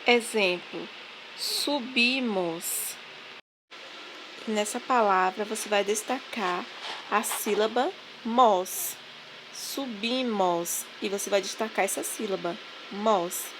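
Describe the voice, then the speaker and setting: A woman teacher giving a language lesson, dictating syllables slowly and clearly. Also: mid-range voice, noisy background. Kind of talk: online classroom lesson.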